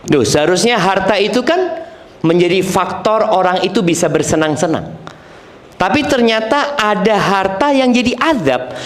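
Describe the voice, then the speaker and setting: A man's voice: sits high, expressive, moderate pace. A male preacher giving a sermon. He recites Arabic verses and explains them in plain everyday speech, repeating key phrases for emphasis and acting out other people's voices. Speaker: Islamic preacher.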